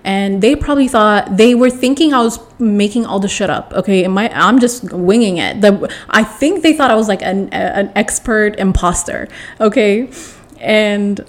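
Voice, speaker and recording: A young woman telling a personal story in a casual storytime monologue. She rambles and corrects herself, restarts her sentences, tells it with dramatic flair and clears her throat often. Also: medium pitch, lively intonation, normal speed.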